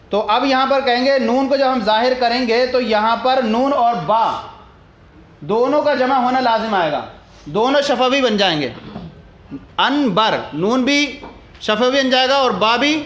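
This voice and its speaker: High-pitched man teaching in an echoey room. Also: a bit bright. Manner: explains in Urdu, asks himself questions and answers them, repeats points. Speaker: teacher of Islamic studies. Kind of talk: classroom lesson explaining an Arabic text. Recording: echoey room with faint background noise.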